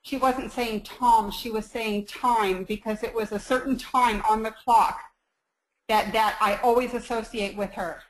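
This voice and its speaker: A woman's voice: a little high, fairly even intonation, unhurried, poor audio. Hesitant woman caller to a psychic. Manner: hesitant, grateful, many restarts. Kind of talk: phone-in call.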